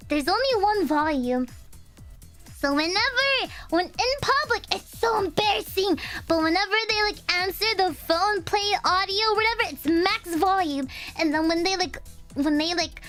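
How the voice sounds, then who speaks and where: Very high, bright-voiced bubbly woman. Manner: bubbly, chatty, rambling with many fillers. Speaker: VTuber streamer. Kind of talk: casual livestream chat.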